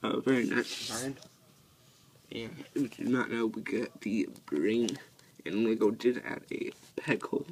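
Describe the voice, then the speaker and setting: A man giving a casual toy review, talking haltingly with many ums and restarts while he handles pieces. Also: mid-range voice, steady tone, a little mellow, slight background noise.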